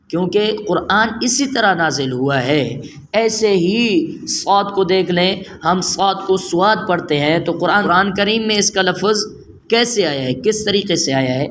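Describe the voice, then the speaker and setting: A man teaching a Quran reading lesson, explaining patiently, asking rhetorical questions and slowly drawing out letter sounds. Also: fairly high pitch, a bit bright, slight background noise. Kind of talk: spoken lesson on letter pronunciation.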